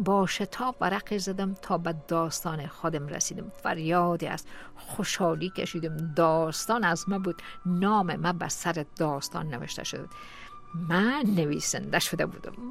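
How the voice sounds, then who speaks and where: Storyteller: woman, low-pitched voice, soft music behind. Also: creaky. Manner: steady, expressive reading. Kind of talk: storytelling narration.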